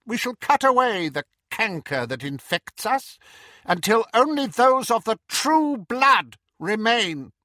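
A cold, cruel dark lord of a storybook, as a male reader puts him on, pitched well above the reader's own voice and drawn out slowly. The voice stays quiet yet menacing, bright-edged and close in a dry booth. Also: sing-song, no room sound, heavily acted. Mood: cold menace. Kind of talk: audiobook character voice.

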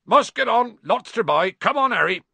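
A man's voice: mid-range voice, sing-song, normal speed, bright, forceful tone, husky, dry recording, full character voice. A man voicing a huge, friendly, rustic man with a hearty, blunt, colloquial way of talking in an audiobook. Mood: hearty, proud. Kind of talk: audiobook character acting.

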